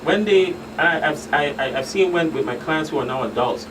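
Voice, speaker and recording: A man with a slightly high voice speaks at a moderate pace as a guest expert in a radio talk show discussion, emphatically repeating phrases for stress. The mics are distant, with loud air-conditioning hum.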